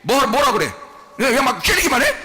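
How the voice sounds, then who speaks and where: A pastor preaching a sermon, lively and questioning, often asking the congregation for answers and moving between casual and polite speech. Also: male voice, extremely high pitch, fast talker. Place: church sanctuary. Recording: echoey hall reverb.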